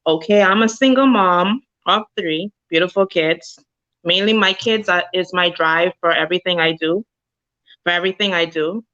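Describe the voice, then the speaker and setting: Woman, interview guest, low bright voice, chatty, dull lo-fi sound. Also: moderate pace. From Bahamas. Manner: chatty, many ums and likes. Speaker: guest entrepreneur. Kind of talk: casual interview talk.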